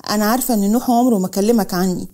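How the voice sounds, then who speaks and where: A woman's voice: medium pitch, racing, warm tone, natural voice. A woman reading a scheming young Egyptian woman. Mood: pleading. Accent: Egyptian Arabic.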